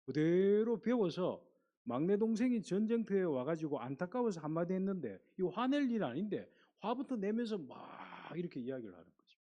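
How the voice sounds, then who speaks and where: A man's voice: high voice, normal speed, muffled recording. A male pastor giving a sermon, reading scripture aloud and putting questions to the congregation. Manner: animated preaching, reads scripture aloud, asks the congregation questions.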